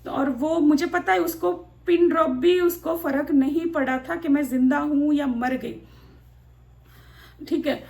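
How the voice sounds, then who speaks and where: A woman's voice: sits high, unhurried, vocal fry, a little mellow. A young woman vlogger telling a personal story to her viewers in a confiding, conversational way. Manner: confiding, recounting a personal ordeal with quoted dialogue. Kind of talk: casual storytelling to camera.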